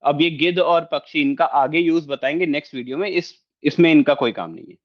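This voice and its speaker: A man's voice: fairly high pitch, expressive, brisk. Man teaching in a muffled, lo-fi recording. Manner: explanatory, mixes Hindi with English, frequent check-ins. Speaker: astrology teacher. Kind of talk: online lesson with screen share. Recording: slightly muffled lo-fi audio.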